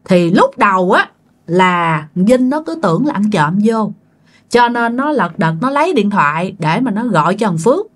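A woman's voice: medium pitch, very animated, normal speed. A woman with a Southern Vietnamese accent telling a ghost story in a loose, chatty way, often speaking straight to her listeners. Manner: chatty, addresses listeners directly, many fillers. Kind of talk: casual spoken ghost story.

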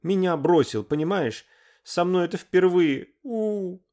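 A man reading the part of a young woman who is crying down the phone, high and plaintive in his delivery. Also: very animated, moderate pace. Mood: tearful, upset.

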